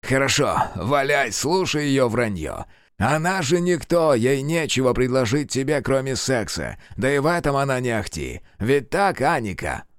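A man's voice: medium pitch, big pitch swings, normal speed, no room sound, clean studio sound, voice pushed up, lightly acted. A man reading an audiobook voices a furious, cornered male art criminal who barks insults. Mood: raging. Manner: snarling, barking insults.

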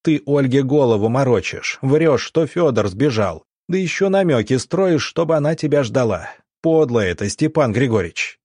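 A man voicing a young male country doctor who accuses sharply and deliberately, full of righteous anger. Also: medium pitch, animated, darkish tone, dry recording, clean studio sound, natural voice. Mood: furious.

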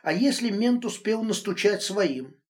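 A man's voice: expressive, unhurried. A man voicing a furious, controlling married man. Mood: curt. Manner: shouting accusations, then hissing low threats. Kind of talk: audiobook reading.

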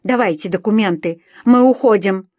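A woman's voice: mid-range voice, normal speed, warm tone, dry recording, lightly acted. Sly menacing foreign husband in an audiobook read by a woman, clipped broken russian, dry close sound. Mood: curt.

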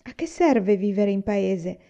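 A woman's voice: medium pitch, lively intonation, takes it slowly, dark tone. A woman reading aloud and voicing a restless, spirited young pioneer girl, her voice lifted a little and eager. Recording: slightly dull lo-fi recording.

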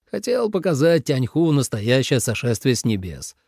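A man's voice: medium pitch, very animated, normal speed, creaky, a little mellow, breathy edge, no echo, clean studio sound, exaggerated voice. A man reading an audiobook voices a proud male celestial dragon with a pompous, haughty manner.

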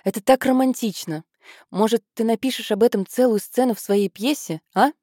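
A woman voicing an eager, gushing teenage girl in an audiobook, higher and breathless with excitement. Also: normal speed, no echo, studio quality, lightly acted.

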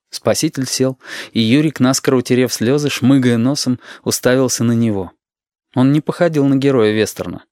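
A man with a mid-range voice narrates an audiobook, telling the story in an even, measured way. The recording is clean studio sound with no room echo.

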